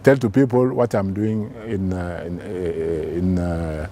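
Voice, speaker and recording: Halting, deep-voiced Ivorian man. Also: fairly even intonation, mellow, slight background noise. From Côte d'Ivoire. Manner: halting, repeating words. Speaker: researcher.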